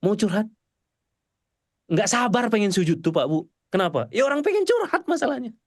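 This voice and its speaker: A male preacher giving a mosque sermon to a congregation, animated and pleading, swinging between loud exclamations and soft murmurs. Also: high-pitched, moderate pace, dry recording, clean studio sound.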